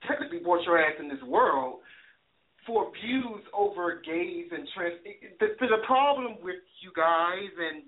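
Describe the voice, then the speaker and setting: A man's voice: sits high, lively intonation, a little slow. A man hosting a call-in talk show, ranting in a profane, rambling way with many fillers. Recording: tinny phone line.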